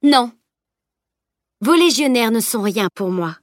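A woman's voice: a little high, lively intonation, moderate pace, a bit bright, dry recording, clean studio sound, voice pushed up. A woman voicing a fierce teenage heroine who speaks in a heated, cutting way. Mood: defiant, furious. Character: fierce teenage girl heroine, defiant and angry.

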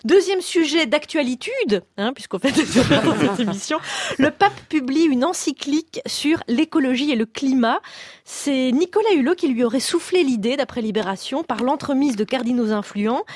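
A woman's voice: high voice, expressive, moderate pace, darkish tone, no echo. A woman hosting a comic radio show, playful and fond of puns. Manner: playful, punning. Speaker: radio host. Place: radio studio. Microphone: studio microphone.

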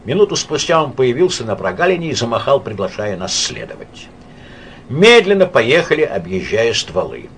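Man, audiobook narration, literary reading, lively expressive intonation, faint background hum. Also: mid-range voice. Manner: expressive, wide-ranging delivery. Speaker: audiobook reader.

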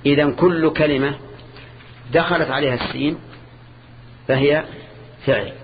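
An older man teaching grammar in a classroom lesson, measured and repetitive, quizzing his students. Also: on the high side. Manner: measured, repeats key terms, quizzes students. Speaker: sheikh teaching Arabic grammar. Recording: dull lo-fi old lesson tape, faint hiss.

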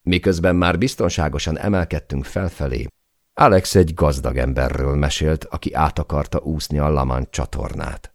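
Here a man with a bass voice performs scripted audiobook narration, reading dramatically and shouting the quoted cries. He's recorded close up in a studio, and the sound is dry.

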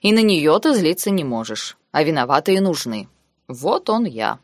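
A woman reading the lines of a cold, calculating noble uncle in an audiobook, measured and sarcastic. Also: low-pitched, big pitch swings, dry recording, studio quality. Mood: cold, lecturing. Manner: measured, lazy, coldly sarcastic.

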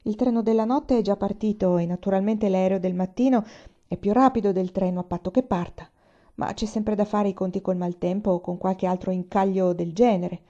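Easygoing loyal young friend, voiced by a woman narrator, soft and warm; lo-fi audiobook. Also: medium pitch, fairly even intonation, a little fast, natural voice. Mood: kind. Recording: dull lo-fi sound.

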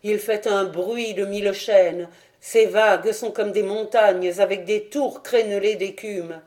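A woman voicing a frightened young male page, speaking low, hushed and slow in a storybook reading. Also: steady tone, lightly acted. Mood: awed fear.

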